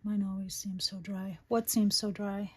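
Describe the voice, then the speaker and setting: Husky and medium-pitched, a woman with a Boston accent talks at normal speed with a flat delivery. Hosting a crafting channel, the Boston-area native walks through a project in casual tutorial chat, thinking aloud, chatting away, and lapsing into quiet asides.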